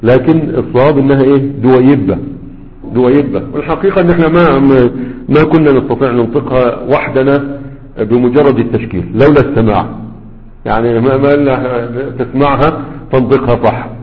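Man teaching in an echoing hall. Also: mid-range voice. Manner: conversational, repeats words slowly to model pronunciation. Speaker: grammar teacher. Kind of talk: classroom lesson with questions. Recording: dull lo-fi audio with long hall reverb.

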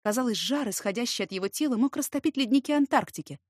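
A woman's voice: fairly high pitch, expressive, fast, a little mellow, dry recording. Woman narrating a novel in a dry voice. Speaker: audiobook narrator. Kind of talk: first-person novel narration.

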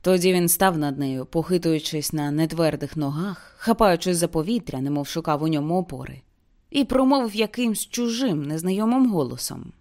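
A woman reading a novel aloud as an audiobook, with intense dramatic narration that slows for grim moments. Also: sits low, lively intonation, a little mellow. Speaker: audiobook reader.

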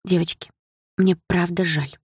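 Casting: woman playing a high, saccharine teen girl offering fake condolences, audiobook. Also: steady tone, unhurried, slightly rough, no echo, studio quality. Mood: sugary. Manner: sweet, falsely sympathetic. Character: sugary fake-sympathetic teenage girl.

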